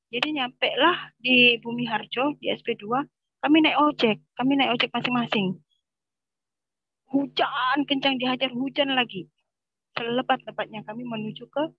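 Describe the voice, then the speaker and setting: A woman's voice: on the high side, no room sound, dull audio. A woman telling her personal religious testimony to a congregation, retelling events vividly and addressing her listeners again and again. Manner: addresses audience repeatedly, vivid storytelling. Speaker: testimony speaker.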